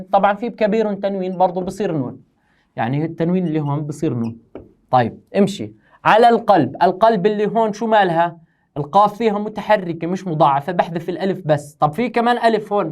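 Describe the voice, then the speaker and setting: A male teacher, speaking patiently and methodically. He breaks the material into small steps and counts out syllables one at a time in a conversational recorded lesson. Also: high voice. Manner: patient, explains step by step, counts syllables aloud. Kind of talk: recorded lesson on poetic meter.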